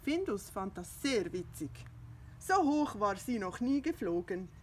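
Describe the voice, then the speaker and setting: A woman, a kindergarten teacher, reading a children's storybook aloud in a slow, expressive storytelling manner. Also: mid-range voice, slight background noise. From Switzerland.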